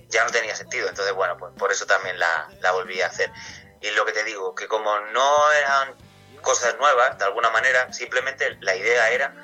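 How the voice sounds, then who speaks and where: Brief: male singer from central Spain, radio guest, very bright tone, low-ish pitch, loose rambling answers. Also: rough recording. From Castilla-La Mancha, Spain. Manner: rambling, casual, many restarts and fillers.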